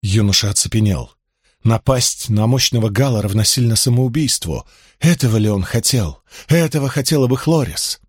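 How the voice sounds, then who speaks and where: A man narrating an audiobook in a steady, measured storytelling manner. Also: on the low side, slightly rough, dry recording, clean studio sound. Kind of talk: scripted narration.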